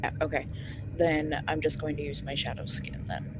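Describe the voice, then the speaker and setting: A man's voice: fairly high pitch, little pitch movement, normal speed, muffled recording, slight background noise. A man chatting casually as a player in a tabletop game. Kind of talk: casual chat.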